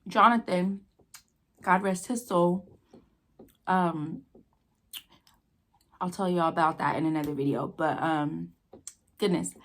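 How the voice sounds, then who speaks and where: An American woman telling a casual, rambling personal story with halting pauses, talking between bites with her mouth sometimes full. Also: lowish voice, fairly even intonation. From New Mexico, United States. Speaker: vlogger telling a personal story while eating.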